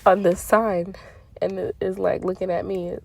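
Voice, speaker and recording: In a casual monologue recorded from a parked car, a middle-aged spiritual vlogger chats about her dreams, wandering off track with many fillers and self-corrections. She has a congested, mid-range voice that is creaky and darkish in tone. Her pace is normal and her tone level.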